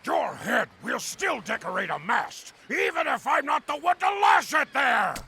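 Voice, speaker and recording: Raging game pirate, very high shouting, shredded rasp, defiant. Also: male voice, big pitch swings, a little slow, full character voice. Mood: defiant rage. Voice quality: harsh, raspy. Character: raging, vengeful male pirate villain. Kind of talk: video game cutscene acting.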